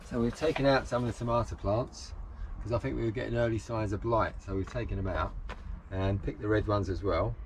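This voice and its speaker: An Englishman in his fifties hosts a casual gardening vlog from his outdoor allotment and polytunnel, chatting relaxedly and thinking aloud with fillers as he explains each job. His voice is lowish and fairly quick with few pauses, and there's background noise.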